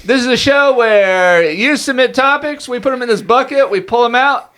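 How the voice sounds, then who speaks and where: A man's voice: extremely high pitch, normal speed, a bit bright. A man hosting a podcast in casual, joking banter with his co-host, laughing often.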